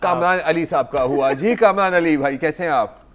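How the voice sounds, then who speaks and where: A man's voice: on the high side, normal speed. Chatty joking male TV host. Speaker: talk show host. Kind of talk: casual studio chat. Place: TV studio.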